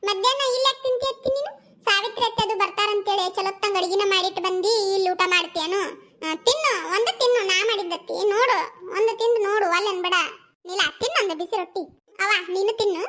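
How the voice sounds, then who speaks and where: A woman's voice: very high voice, quick pace, a bit bright. A woman voicing bickering village women in a cartoon family, with a North Karnataka accent. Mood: coaxing. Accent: North Karnataka Kannada. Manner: scolding, teasing banter.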